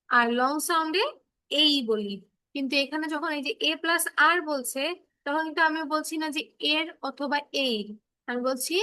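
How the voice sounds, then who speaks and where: Casting: high-voiced woman teacher, patient, keeps checking the kids follow. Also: bright, forceful tone, no echo. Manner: patient, repeats and checks understanding. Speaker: English teacher. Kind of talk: online kids' class, explaining phonics.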